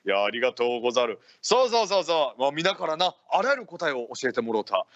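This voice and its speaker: A man's voice: a little high, sing-song, fast, a bit bright, lo-fi sound. A man playing a genial feudal Japanese ninja lord hosting live radio, speaking in archaic samurai-era phrasing. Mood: genial, amused. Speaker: radio show host.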